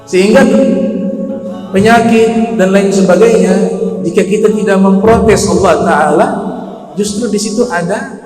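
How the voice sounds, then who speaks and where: A man's voice: high-pitched, a little slow, pauses often, darkish tone, echoey room, big-room sound, soft background music. A man preaching a sermon, telling a religious story, chanting Arabic phrases and raising his voice in the emotional parts.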